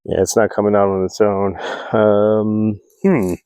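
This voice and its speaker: A man's voice: lowish voice, level tone, measured pace, warm tone, clear, resonant tone, dry recording. A man vlogging while he does outdoor building work. He thinks aloud with lots of fillers, talks into a close clip-on mic and breathes heavily from the work. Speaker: homesteading vlogger. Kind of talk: casual talk while working. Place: outdoors at a homestead. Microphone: small clip-on mic close to the mouth.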